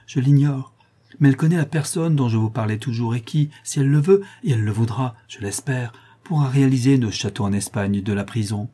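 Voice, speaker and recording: A man reading an audiobook and voicing a gentle, modest, polite young girl. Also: mid-range voice, fairly quick, slightly rough, natural voice. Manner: soft and polite.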